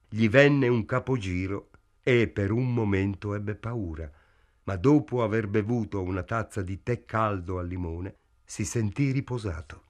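A man narrating a novel as an audiobook in a measured, even literary reading style. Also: medium pitch.

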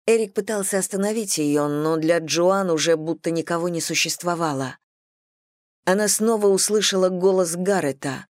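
A woman reading a fantasy story aloud in steady, scripted narration. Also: lowish voice, normal speed, dry recording, clean studio sound. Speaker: audiobook narrator.

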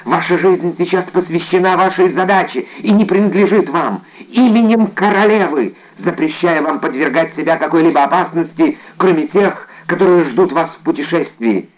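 A man's voice: fairly high pitch, moderate pace, few pauses, lo-fi sound, pitched above the performer's own voice, close to an everyday voice. A man voicing an ardent young guardsman in an audiobook, eager and exclamatory. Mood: resolute. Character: ardent young Gascon guardsman, bold and gallant.

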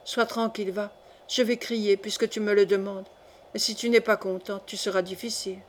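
A woman's voice: fairly high pitch, normal speed, a little mellow, a little hiss or hum, close to an everyday voice. A woman voicing a proud male nobleman under torture, mocking and crying out in turn. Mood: wry, hushed. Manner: mocking, then crying out in pain.

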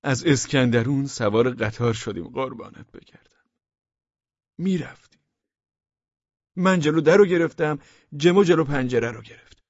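A short, flustered gendarme pleads his case breathlessly, as a male reader puts him on in a raised voice. The tone is husky. The audiobook recording is dry and a little muffled. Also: medium pitch, pauses often, a little mellow, no echo, voice pushed up, natural voice. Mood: pleading.

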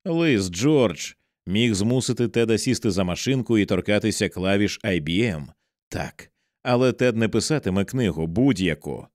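A man narrates an audiobook in a low, expressive voice. His pitch rises and falls widely as he builds tension, and the recording is dry and close, with no room sound. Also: no room sound. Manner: measured, dramatic storytelling with wide swings in pitch. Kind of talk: audiobook reading of a horror novel.

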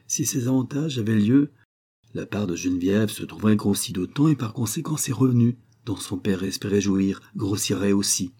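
Low, husky male audiobook narrator. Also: lively intonation, normal speed, mellow. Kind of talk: scripted literary narration.

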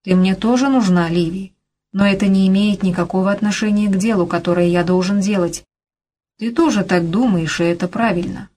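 A woman voicing a calm, determined male TV journalist, speaking in a businesslike way. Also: medium pitch, brisk, close to an everyday voice. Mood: tender.

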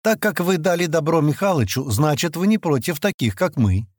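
A man reading an audiobook, voicing a clever, polite young man who lays out his questions calmly and methodically. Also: a little high, no echo, studio quality, voice pushed up. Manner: measured, businesslike.

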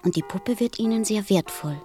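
A woman playing a gentle, curious and earnest little boy in a German radio play, with a husky voice and simple questioning delivery. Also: medium pitch, moderate pace, soft background music, close to an everyday voice. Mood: earnest, wistful.

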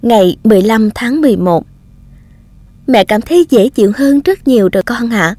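A woman's voice: on the high side, lively intonation, moderate pace, dry recording. A woman voicing a loving young mother writing tender letters to her baby. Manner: tender, softly reading out letters.

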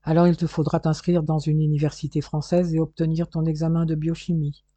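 An eminent researcher and decisive husband, as a male narrator reads him. His voice is fairly high yet very dark and husky, and the reading is assured. The recording is dry and a little dull. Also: flat delivery, brisk, no echo, close to an everyday voice. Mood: fatherly.

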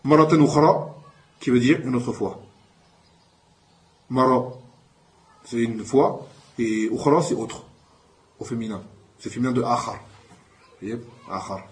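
A man teaching a classroom Arabic lesson in French, calling out each new word louder and then slowly explaining it. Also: mid-range voice.

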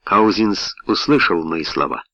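A man narrating a story in the first person, in a steady, measured reading voice. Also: low voice, no echo. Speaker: audiobook narrator. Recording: dull, dry lo-fi recording.

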